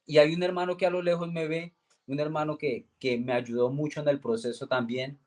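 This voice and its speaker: A man's voice: flat delivery, fairly quick, a little mellow. A young man giving a personal faith testimony, earnestly retelling events and acting out the dialogue. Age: young adult. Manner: earnest storytelling, acts out quoted dialogue with raised pitch. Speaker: guest giving a religious testimony.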